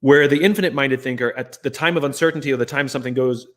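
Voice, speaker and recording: A man's voice: mid-range voice, rapid-fire. A man hosting a book club discussion, talking eagerly and drawing out ideas from his guest. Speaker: host.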